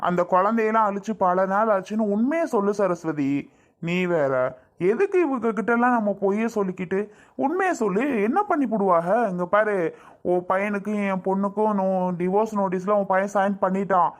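A woman's voice: mid-range voice, fairly quick, lightly acted. A woman playing a scornful middle-aged mother who coldly brushes off her daughter's in-laws. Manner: cold, dismissive. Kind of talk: family drama acting.

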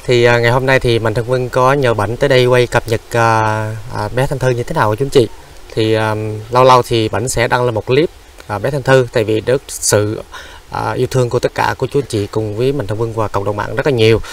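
A man's voice: medium pitch, steady tone, fast, poor audio. A man hosting a charity vlog, talking with many hesitant fillers and polite address to viewers. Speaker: charity vlogger host. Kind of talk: casual vlog narration and chat.

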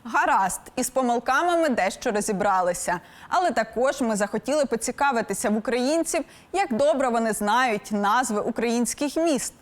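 A young woman with a Ukrainian accent presents a scripted language lesson. Her voice sits a little high, and her delivery is clear and didactic, with a lightly wry edge. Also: expressive, moderate pace, few pauses. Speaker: philologist presenter.

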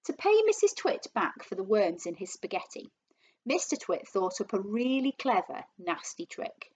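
A teacher reading a children's book aloud to her class, with expressive storytelling. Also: mid-range voice, moderate pace, slightly rough.

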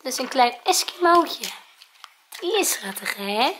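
A mother chatting softly and cooingly with her young children at home for a family vlog. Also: high-pitched, big pitch swings, measured pace, background noise. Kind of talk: casual family vlog chat.

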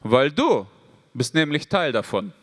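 A man's voice: mid-range voice, sing-song, a little slow, a bit bright, pitched below the performer's own voice. A man playing a stern, proudly manly older father who lectures his son with solemn advice. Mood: lecturing.

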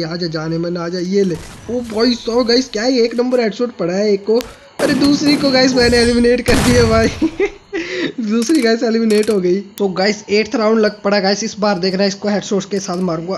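A young man commentating his own shooter gameplay, excitable and teasing, shouting at sudden kills and muttering smugly in between. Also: sits high, slight background noise. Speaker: gaming YouTuber.

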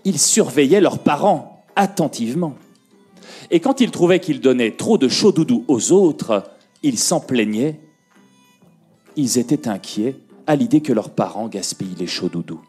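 A man telling a fairy tale to a conference audience, slow and expressive, dropping his voice and lifting it for effect. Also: medium pitch, slightly rough, soft background music. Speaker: storyteller. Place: conference room.

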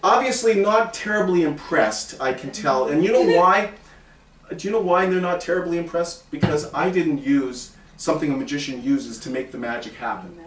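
A middle-aged man delivers theatrical magician's patter in a slightly high voice. He banters playfully and instructs the crowd like a showman. He is recorded from a distance in a roomy, echoing space. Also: normal speed, fairly bright tone. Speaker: stage magician, performer. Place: indoor room with small stage setup. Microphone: far camera. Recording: roomy, distant camera mic with background noise.

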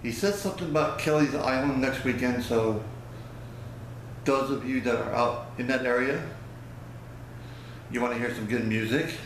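Speaking at a moderate pace and pausing often, a man in his fifties with a mid-range voice chats to his webcam for a relaxed product review vlog. He's folksy and rambling, occasionally groping for words. The small plain-walled room echoes a lot, and there's faint hiss from the close-range webcam.

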